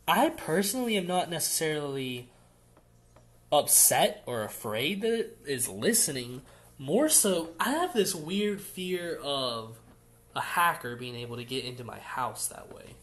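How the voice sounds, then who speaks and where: A man's voice: on the high side, big pitch swings, a little slow, fairly bright tone. Young man giving opinions on a podcast. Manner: opinionated, talks in long run-on explanations. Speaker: podcast co-host. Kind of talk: casual podcast chat.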